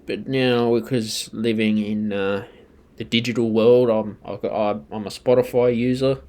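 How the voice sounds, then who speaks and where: A man's voice: lowish voice, steady tone, measured pace, darkish tone. A man hosting a radio interview, encouraging his guest with short backchannels and stumbling starts. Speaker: radio show host. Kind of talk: casual interview chat.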